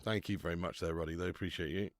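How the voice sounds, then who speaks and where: A man in his 30s hosts a football watch-along as a casual live stream, bantering with chat while laughing and swearing freely. He talks at a racing pace in a low voice with fairly even intonation, recorded with clean studio sound and no echo.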